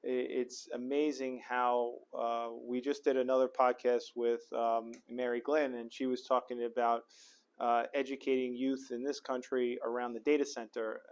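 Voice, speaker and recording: In a city office, a middle-aged man runs a casual interview chat for his podcast, friendly and upbeat but with plenty of fillers and restarts. He speaks at a moderate pace in a mid-range voice, level and clean in tone.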